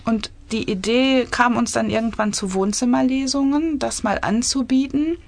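A woman from Germany, an author, reading her own satirical story aloud in steady narration. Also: a little high, normal speed, vocal fry.

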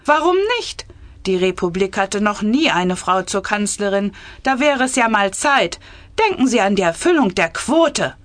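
A woman's voice: mid-range voice, animated, a little slow, no room sound, close to an everyday voice. A woman reading aloud as an indignant female family minister who hisses her retort. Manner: hissing, indignant.

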